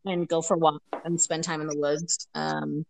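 A woman's voice: deep voice, level tone, normal speed, vocal fry, slight background noise, low-quality recording. Chatty American-born woman on a call. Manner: chatty, rambling, many fillers. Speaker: podcast guest. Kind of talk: casual chat. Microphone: video call.

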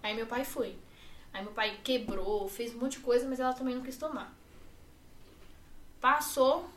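A woman's voice: fairly high pitch, fairly even intonation, moderate pace, a bit bright, roomy sound, far from the mic, a little hiss or hum. An 18-year-old woman with a Brazilian Portuguese accent, a podcast guest telling a personal story in a run-on way, full of fillers and repeats.

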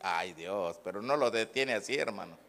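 A male pastor preaching a fervent sermon, swinging between shouts and low asides. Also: lively intonation, moderate pace, vocal fry.

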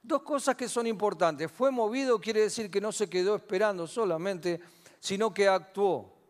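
A man's voice: high voice, normal speed. A man preaching a sermon with a Rioplatense Spanish accent, asking his congregation questions and answering them himself. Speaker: pastor. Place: church hall. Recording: long hall reverb.

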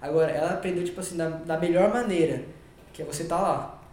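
Fast-talking Brazilian man in an echoey room. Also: on the high side, a little mellow. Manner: rambling, restarts sentences, searches for words. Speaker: guest. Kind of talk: casual podcast conversation.

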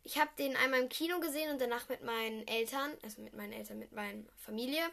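A teenage girl from Düsseldorf talks on her own casual podcast, her voice pitched high. She rambles and corrects herself, dropping giggly asides. She speaks into a simple home microphone. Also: fast talker, creaky, sharp tone. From Düsseldorf, Germany. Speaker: podcast host. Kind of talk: casual solo film-review podcast.

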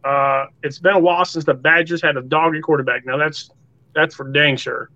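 Male football podcast panelist, sharp opinionated delivery, close dry sound, slightly muffled capture. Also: a little high, fairly even intonation, moderate pace, no echo. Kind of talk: casual, opinionated football commentary.

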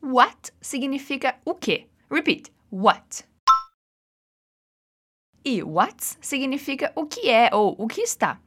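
A woman's voice: sits high, sing-song, slow pace, long pauses, a bit bright. A woman with a Brazilian Portuguese accent teaching English phrases, patient and encouraging as she drills repetitions. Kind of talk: guided language lesson.

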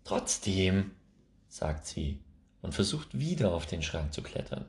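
Deep-voiced male reader for a children's book, slow and very expressive. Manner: expressive, measured. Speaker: narrator. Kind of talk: children's storybook reading.

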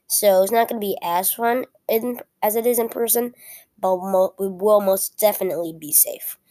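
A young woman hosts a casual solo podcast with a weak voice, sounding under the weather. She speaks haltingly, often correcting herself and apologizing. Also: medium pitch, warm tone. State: sick. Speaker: student podcast host. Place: at home.

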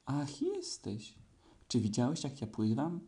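A man voicing an excitable, boastful little boy kangaroo in a storybook reading, eager and repeating himself. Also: mid-range voice, a little slow.

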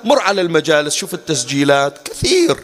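A man preaching a sermon, his voice pitched high and swinging widely up and down. He poses rhetorical questions to the gathering and lifts certain phrases into a melodic chant. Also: very animated, a little fast.

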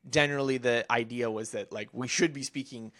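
A man's voice: medium pitch, fairly even intonation, fairly quick, fairly bright tone. A man in his thirties, a podcast guest telling a long story in casual conversation, with many fillers and restarts. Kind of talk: conversational interview.

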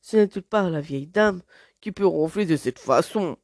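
A woman voicing a grown male hunter in a storybook tale, speaking low and forcefully. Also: moderate pace, dry recording, studio quality, lightly acted. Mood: gruff. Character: gruff village hunter, grown man, bold.

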